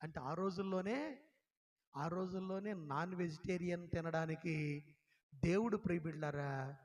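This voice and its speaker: A man with a Telugu accent and a high, raised voice preaches a sermon in church. He tells his story with feeling, rising to loud, urgent peaks and dropping to soft, hushed asides. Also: measured pace. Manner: emotional storytelling, swings between loud outbursts and soft asides. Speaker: pastor.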